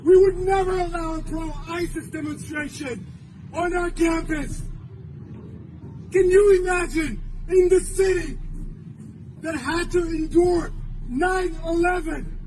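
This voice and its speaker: A man in his forties giving an emotional rally speech, shouting with forceful repetition. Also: very high-pitched, fairly even intonation, takes it slowly, long pauses, a little hiss or hum, low-quality recording. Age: 40s. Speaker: university employee speaking at a rally.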